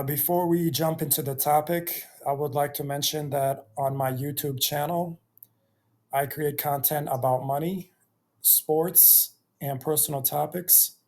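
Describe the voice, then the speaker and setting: A man in his thirties telling his life story on his own channel, reflective, pausing often between phrases. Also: a little high, fairly even intonation, a little mellow. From Bosnia and Herzegovina. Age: 30s. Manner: slow and reflective, with many pauses and fillers. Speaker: YouTuber. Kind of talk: personal storytelling vlog.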